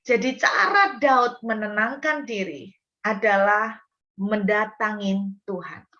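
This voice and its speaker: A woman preaching a sermon, speaking earnestly and straight to her congregation, with loud emphatic words and softer asides. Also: medium pitch, slow pace, muffled recording.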